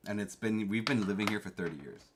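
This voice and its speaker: A young Canadian man who grew up speaking Korean at home chats casually with his live-stream viewers, reading the chat aloud and getting playfully defensive. His voice is on the low side and he talks fast, with noise in the background.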